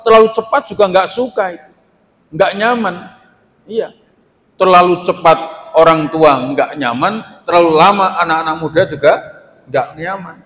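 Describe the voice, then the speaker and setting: A man preaches a sermon, mixing funny stories and acted-out quotes. His voice sits somewhat high for a man. It rings with a long reverb through a large mosque hall. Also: a bit bright. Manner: humorous storytelling with acted quotes.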